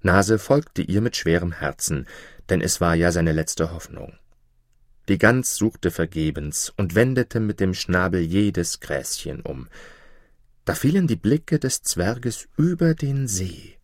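Slow, expressive male fairy-tale reader. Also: sits low, dry recording, studio quality. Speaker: storyteller.

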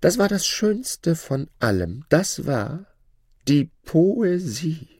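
A man doing a smug, high-voiced shadow gentleman. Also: sing-song, slow, slightly rough, no echo, studio quality, exaggerated voice. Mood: boastful. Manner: smug and showy, high-pitched put-on voice. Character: boastful, newly rich male shadow turned gentleman.

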